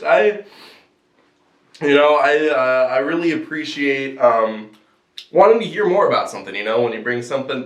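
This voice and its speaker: A man's voice: mid-range voice, distant mic. A man chatting casually as a guest, hesitant and often repeating his phrases. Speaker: challenge guest. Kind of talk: casual chat. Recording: echoey room.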